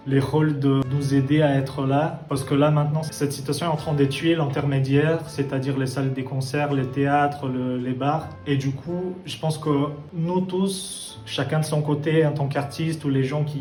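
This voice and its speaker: A man's voice: medium pitch, mellow. A Brazilian jazz musician, a man, answering interview questions thoughtfully, with frequent hesitations and restarts. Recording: echoey room with faint music.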